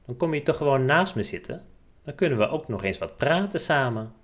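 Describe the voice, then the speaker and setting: A man voicing a vain, proud little male autumn leaf in a children's storybook, talking in a shrill, fretful, self-admiring way. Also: very animated, fairly quick, close to an everyday voice. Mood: curious.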